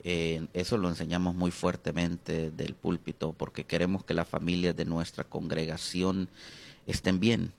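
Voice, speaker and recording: Speaking low with a flat delivery, a middle-aged Honduran-accented man answers as an interview guest; he's a pastor. He comes across as reflective and hesitant, with lots of drawn-out fillers, and his voice has vocal fry and a slightly mellow quality.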